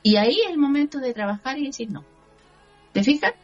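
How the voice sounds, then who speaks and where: A woman with a Chilean Spanish accent coaches her listener in a fairly high voice, keeping her tone earnest and encouraging. She keeps checking that she is understood. The recording sounds a little muffled, with quiet music underneath. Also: animated, fairly quick. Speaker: personal growth coach. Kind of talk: motivational talk show chat.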